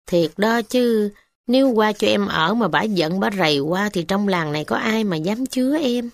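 A woman with a Southern Vietnamese accent voicing a timid middle-aged male village official who speaks in a slow, apologetic way. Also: mid-range voice, lively intonation, creaky, no echo, studio quality.

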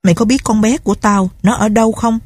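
Woman doing a crazed old hermit lady, bitter and threatening, dark husky voice. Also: medium pitch, steady tone, quick pace, no echo, studio quality, lightly acted. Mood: grieving. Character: grief-crazed vengeful older female recluse.

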